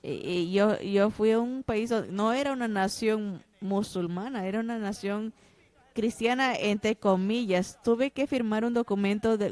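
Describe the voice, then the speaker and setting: A woman's voice: medium pitch, a little mellow, no echo. A woman interpreting a pastor's sermon, preaching with passionate emphasis. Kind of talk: dubbed sermon.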